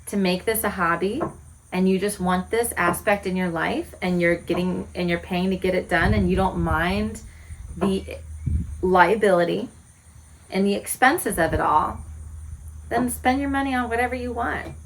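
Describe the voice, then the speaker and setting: A woman's voice: medium pitch, normal speed, a little hiss or hum, rough recording. Candid woman of forty, earnest homesteader. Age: 40s. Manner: earnest, candid, asks many rhetorical questions. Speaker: homesteading vlogger. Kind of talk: reflective direct-to-camera talk.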